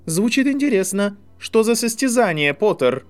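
A man's voice: sits high, big pitch swings, normal speed, soft background music, pitched above the performer's own voice. A man reading an audiobook, voicing a haughty, scheming boy wizard with a mocking drawl.

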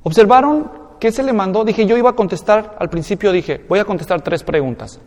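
Animated Mexican pastor preaching, high-pitched. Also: male voice, brisk, long reverb tail. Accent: Mexican Spanish. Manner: animated, acts out everyday examples with rising pitch. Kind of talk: expository sermon.

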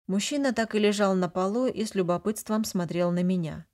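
A woman's voice: mid-range voice, brisk, a little mellow. A woman narrating a first-person fantasy audiobook, flustered and emotional in the heroine's lines.

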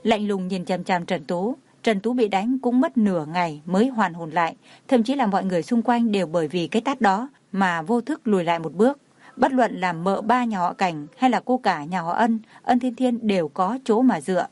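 A woman narrating a dramatic story as an audiobook in a steady reading voice. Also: medium pitch, normal speed, dry recording.

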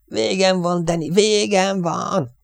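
A man's voice: fairly even intonation, gravelly, dry recording, clean studio sound. A man voicing a frantic young airman. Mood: panicked. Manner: shrill, frantic. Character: panicked young male bomber gunner.

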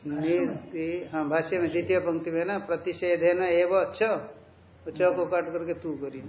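A man's voice: on the high side, fairly even intonation, normal speed, a little hiss or hum. A man giving a scriptural commentary lecture as a spiritual teacher, reading the text line by line and explaining it by asking questions and answering them with everyday examples. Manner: reads and corrects a text line by line with students. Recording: echoey, dull lo-fi room recording.

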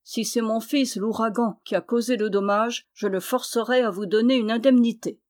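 A woman's voice: a little high, steady tone, moderate pace, darkish tone, natural voice. A woman voicing the ancient mother of the winds. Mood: kindly. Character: ancient giantess, mother of the winds, stern but kindly.

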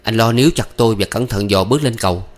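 A man voicing a young man with a Southern Vietnamese accent, awkward, evasive and hurried. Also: lowish voice, lightly acted. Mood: uneasy. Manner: hurried, uneasy.

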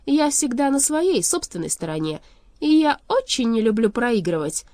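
A woman reading a storybook aloud, voicing a sly, scheming young sorceress who mocks in a loud, sweet voice. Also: fairly high pitch, very animated, moderate pace, no echo, pitched above the performer's own voice. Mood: mocking.

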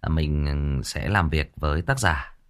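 Speaking slowly in a very deep, fairly bright voice, a Vietnamese man who narrates audiobooks and runs a story channel gives casual livestream commentary. He rambles to his viewers about a story, regularly repeating words as he searches for what to say next.

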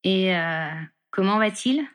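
A woman's voice: medium pitch, lively intonation, slow, a bit bright, clean tone. A woman voicing a hesitant, stumbling young man in a storybook reading. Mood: curious. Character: awkward young man, shy boyfriend.

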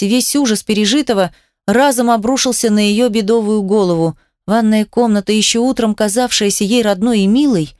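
A woman narrates an audiobook in a measured, expressive reading. Her voice sits at a middle pitch. The recording is dry and close, with no room sound. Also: dry recording. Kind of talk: scripted narration.

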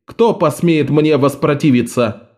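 A man's voice: a little high, measured pace, darkish tone, voice pushed up, lightly acted. A man voicing a haughty masked woman judge. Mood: contemptuous. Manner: contemptuous, proclaiming. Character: haughty woman judge in a red robe and velvet mask.

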